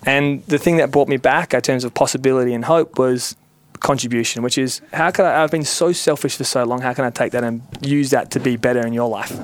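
A man's voice: mid-range voice, fairly even intonation, brisk, hardly any pauses. A man talking earnestly about self-love and kindness as a guest in a casual podcast chat. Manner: earnest motivational speaker.

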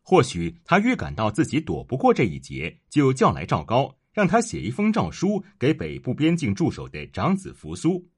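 A man narrating a historical story in an expressive, dramatic storytelling manner. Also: mid-range voice, moderate pace, few pauses, breathy edge.

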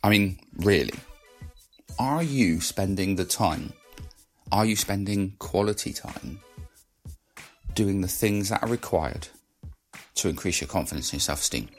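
A man hosts a podcast in a croaky, creaky morning voice. He talks casually and directly to the listener, often putting questions to them. Faint music sits behind him. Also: sits low, expressive, measured pace, long pauses. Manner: conversational, rhetorical questions. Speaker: podcast host. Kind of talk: casual solo podcast talk.

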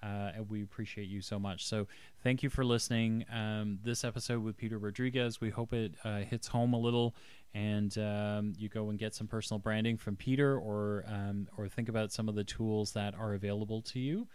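A man hosting a podcast in a casual, hesitant way, often pausing as he finds his words. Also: lowish voice, steady tone, a little mellow, clean tone, dry recording. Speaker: podcast host.

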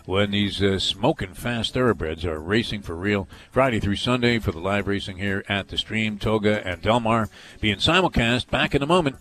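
Low-voiced American sports radio host. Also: male voice, normal speed, a bit bright. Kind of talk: casual live sports talk radio chat.

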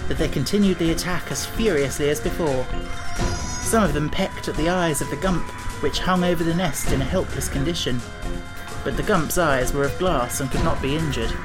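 A woman with a low voice reads a storybook aloud. Her narration is measured and even. Soft music plays faintly under her. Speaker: audiobook narrator.

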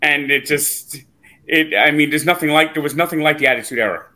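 A man's voice: on the high side, a little fast, pushed and bright. A man co-hosting a podcast, asking questions and sharing opinions in casual interview chat. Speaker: podcast co-host.

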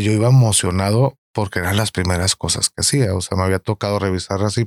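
A man casually retelling a friend's eerie story at a slow pace. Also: lowish voice, darkish tone, no echo, clean studio sound.

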